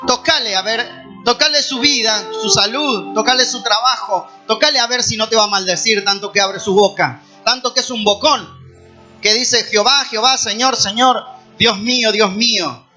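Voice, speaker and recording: A man's voice: high voice, moderate pace, sharp tone, lo-fi sound, faint music behind. A man voicing a taunting male devil who goads God during a sermon. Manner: mocking, goading.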